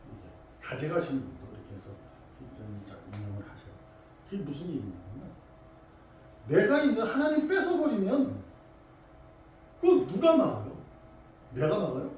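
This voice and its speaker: A man preaching a conversational sermon as pastor, animated and chatty. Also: a little high. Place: church sanctuary. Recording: echoey hall, distant mic, faint noise.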